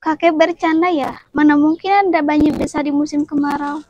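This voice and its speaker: A woman's voice: high-pitched, fairly even intonation, moderate pace, darkish tone, no echo, dull audio, lightly acted. A young woman playing a kind, friendly village woman who talks in a chatty, helpful way in a school drama. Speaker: student actor.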